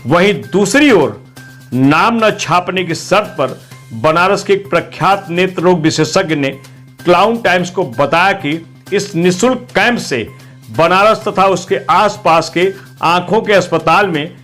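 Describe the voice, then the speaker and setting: A man's voice: sits high, a bit bright. A man reading a scripted news report in an emphatic, rhetorical manner.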